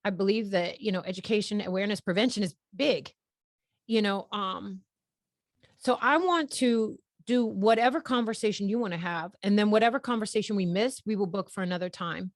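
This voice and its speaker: A woman's voice: medium pitch, brisk, dry recording, clean studio sound. A woman hosting a podcast interview, heartfelt and rambling, often laughing and tearing up. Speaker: podcast host.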